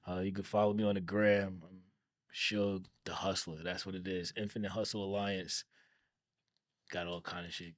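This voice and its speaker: A man who is high, chatting casually in laid-back, slangy stoner talk. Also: level tone, normal speed, no room sound, clean studio sound. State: high on weed. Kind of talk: casual chat.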